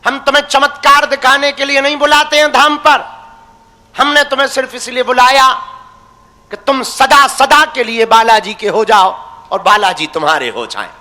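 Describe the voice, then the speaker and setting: A man's voice: very high-pitched, moderate pace, bright, forceful tone. A young man preaching a devotional sermon, teasing and folksy, calling his listeners his crazy ones. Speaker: religious preacher. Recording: long hall reverb.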